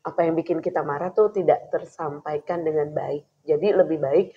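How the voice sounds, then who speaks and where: A middle-aged woman, a former radio announcer chatting as a guest, animated and quick to laugh. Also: low-pitched, muffled recording. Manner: lively, animated, laughs often, acts out voices. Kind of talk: casual chat with radio-announcer flair.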